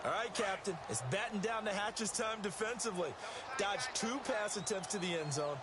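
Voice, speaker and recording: A man's voice: sits high, normal speed, close to an everyday voice. A man giving colloquial, explanatory football commentary as a color analyst. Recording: loud stadium noise behind the voice.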